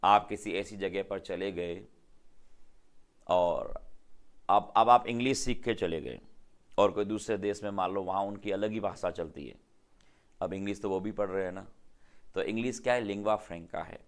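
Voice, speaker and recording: A middle-aged man teaching English vocabulary in Hindi, repeating each word and quizzing his students with quick questions. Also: low voice. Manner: repetitive, drills words with quick questions. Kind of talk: classroom vocabulary lesson.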